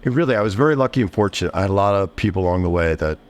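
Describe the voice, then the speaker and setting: A man's voice: low voice, rapid-fire. A man, a shop owner and podcast guest, chatting casually and animatedly, acting out the people he talks about. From New Jersey. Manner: animated storyteller, acts out customers in raised voices.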